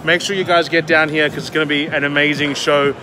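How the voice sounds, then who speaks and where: A man's voice: fairly high pitch, flat delivery. Upbeat man touring an expo hall. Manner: upbeat, chatty, fast run-through of booths. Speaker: aquarium vlogger. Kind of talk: walkaround vlog. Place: large indoor expo hall. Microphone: handheld camera on gimbal. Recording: noisy hall with background chatter.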